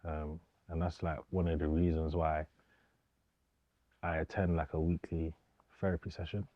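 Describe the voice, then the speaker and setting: A young man, a DJ appearing as a guest in a casual documentary interview, speaks informally, using slang and repeating himself. His voice is extremely low with little pitch movement and a moderate pace. The recording has no echo, but the high frequencies are cut off.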